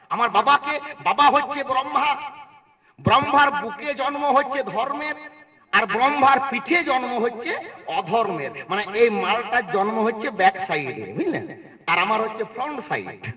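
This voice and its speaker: Male kabigan performer, very high forceful voice, teasing and preachy, echoey live sound from a distance. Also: animated, moderate pace. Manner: teasing, preachy, addresses listeners directly. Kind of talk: live folk debate performance to an audience.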